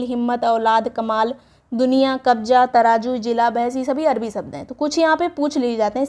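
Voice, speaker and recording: A woman with a high voice teaches an exam prep lesson. She explains each point step by step and reads lists of words aloud one after another. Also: darkish tone. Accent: Hindi, North Indian.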